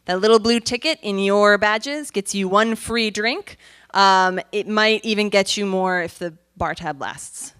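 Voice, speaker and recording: A woman's voice: medium pitch, measured pace, fairly bright tone, clear, resonant tone, no room sound. A woman hosting a conference, giving casual, chatty announcements while losing her voice. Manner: casual, chatty, loose phrasing. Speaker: conference host. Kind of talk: announcements from the stage. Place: conference stage.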